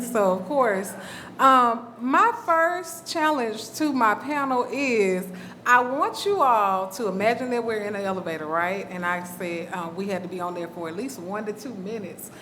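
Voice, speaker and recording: A woman's voice: on the high side, animated, normal speed, background noise. A woman moderating a book festival panel, enthusiastic and chatty, often checking in with the crowd. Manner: enthusiastic, cheers and asks the crowd "okay?".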